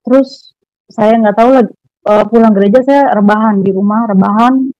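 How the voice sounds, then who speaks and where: A woman's voice: medium pitch, moderate pace, a little mellow, dry recording, muffled recording. A woman with a Jakarta Betawi accent giving a personal testimony in an interview, hesitant, with many fillers. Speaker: testimony guest.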